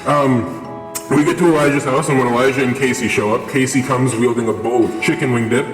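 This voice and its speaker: A man's voice: medium pitch, fairly even intonation, brisk. A young man rambling through a casual story with lots of fillers, his voice run through a voice changer. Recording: echoey with long reverb, music behind.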